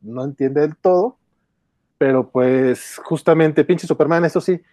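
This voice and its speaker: Mexican man, fairly high mellow voice, loose rambling podcast storytelling, dry close recording. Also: unhurried, dry recording. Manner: rambling, many restarts and fillers, chuckles. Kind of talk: casual chat retelling a comic.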